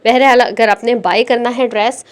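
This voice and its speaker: A woman's voice: a little high, fairly even intonation, normal speed. Chatty woman explaining dress stitching. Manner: chatty, addresses viewers directly as sisters; explains garment details step by step. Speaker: stitching tutorial host. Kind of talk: casual dress design walkthrough.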